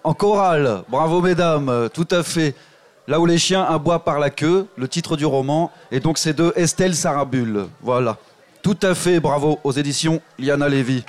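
Lively man hosting a live reading. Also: fairly high pitch, moderate pace, a faint crowd. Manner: lively, encouraging, addresses the audience directly. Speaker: host of a public reading event.

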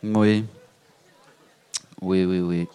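A man hosting a public reading event, lively and encouraging as he addresses the audience and guests directly. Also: sits low, very slow, clean tone.

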